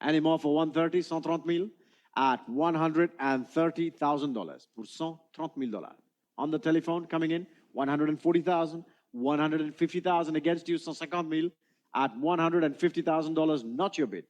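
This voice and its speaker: Auctioneer, male, slightly high voice, rapid bid calling, bilingual patter. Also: a little mellow. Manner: rapid bid calling, switching between English and French.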